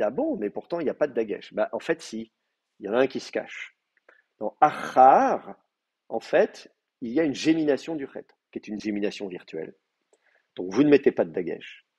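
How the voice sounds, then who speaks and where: A man's voice: mid-range voice, a little mellow, slightly rough. A man teaching an advanced Hebrew class, explaining grammar step by step with many hesitant fillers. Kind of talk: live class lecture.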